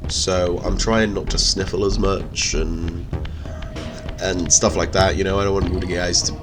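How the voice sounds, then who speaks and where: A let's play host with a cold talks over game music in a stuffy voice, his throat sore. His voice sits low with little pitch movement and a measured pace, and his commentary is rambling, chatty, and full of self-corrections.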